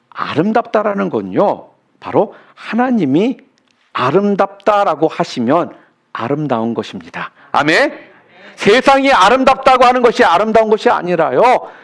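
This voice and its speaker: A male pastor delivering a sermon, asking the congregation questions and swinging between loud, emphatic peaks and quiet asides. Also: high-pitched, creaky. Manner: preaching with rhetorical questions to the congregation. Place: church sanctuary.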